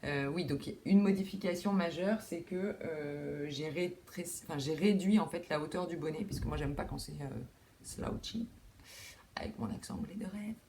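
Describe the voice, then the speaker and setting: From a home room with a window, a young woman hosting a knitting video podcast chats casually, leaning on fillers, restarts and self-deprecating asides. Her voice sits low and is a little mellow, at normal speed with few pauses, with slight background noise.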